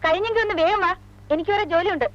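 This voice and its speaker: An actress playing a busy mother who speaks briskly and teases her daughter, in film dialogue. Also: very high voice. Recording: dull old film sound with music.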